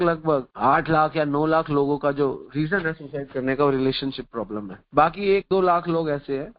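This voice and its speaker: Man giving a devotional talk over a call. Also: fairly high pitch. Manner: repetitive, mixes Hindi with English phrases; chatty storytelling, chuckles. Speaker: devotional teacher. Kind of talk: spiritual discourse. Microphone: video call. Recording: dull lo-fi online call audio.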